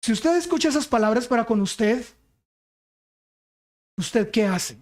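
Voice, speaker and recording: A man preaching a sermon, speaking deliberately and asking the congregation rhetorical questions. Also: very high voice, animated, darkish tone. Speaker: pastor.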